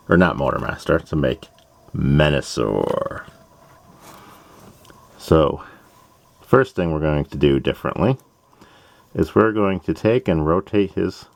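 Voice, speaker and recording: A man with a very low voice hosts a casual build tutorial, walking through each step one by one. His pitch moves up and down a lot as he talks, and he drops in playful asides. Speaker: host of a toy-building channel.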